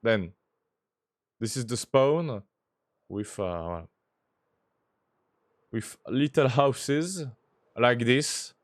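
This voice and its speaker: French guy streaming minecraft, swoopy lively voice, slow easy pace, jokey. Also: mid-range voice. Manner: switches between French and heavily accented English, playful. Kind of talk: casual gaming stream chat.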